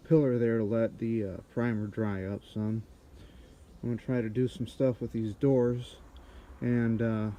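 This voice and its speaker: Brief: man, muffled respirator voice, mellow tone, casual workshop narration, handheld camera. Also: mid-range voice, a little hiss or hum. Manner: halting, many fillers while working. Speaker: car restorer. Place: auto body garage.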